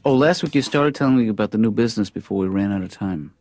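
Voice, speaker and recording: A man voicing a mild-mannered, hesitant therapist in an animated sitcom. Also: fairly low pitch, fast, over loud music, close to an everyday voice. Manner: soft-spoken, mild, hesitant.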